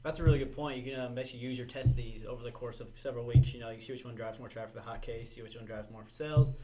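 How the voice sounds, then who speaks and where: A man hosting a casual business podcast, relaxed and asking questions with plenty of fillers. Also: mid-range voice, rapid-fire. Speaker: podcast host.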